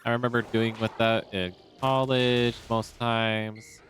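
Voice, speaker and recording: A young man in a relaxed, rambling style, commenting casually as he streams a game and talking to himself with many fillers. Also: medium pitch, takes it slowly, soft background music.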